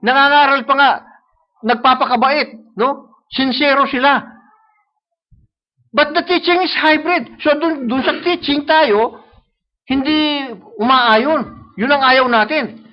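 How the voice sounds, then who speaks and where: A man's voice: very high-pitched, fairly even intonation, takes it slowly, long pauses. A man with a Filipino accent preaching a sermon, switching between Tagalog and English and often asking "no?" to the congregation. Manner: mixes Tagalog and English, repeats "sabi niya" and "no?". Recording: dull lo-fi live stream audio.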